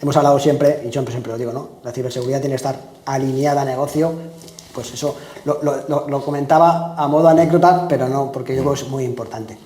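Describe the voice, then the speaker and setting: A man's voice: mid-range voice, steady tone, fast talker, dark tone, roomy sound. A man hosting an interview podcast in a casual, chatty way, with frequent restarts. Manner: chatty, friendly, with many restarts. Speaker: podcast host.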